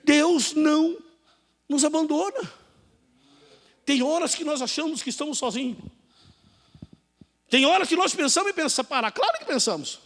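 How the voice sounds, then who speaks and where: A man with a very high-pitched voice preaches a live sermon, telling his own testimony. He moves between shouted praise and hushed, confiding stretches. The church microphone carries a long reverb through the hall. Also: big pitch swings, brisk, pauses often. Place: church sanctuary.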